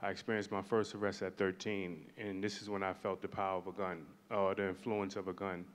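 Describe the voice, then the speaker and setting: A man in his forties from New York telling his life story as a panel guest, measured and reflective with pauses. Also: low voice, level tone. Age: 40s.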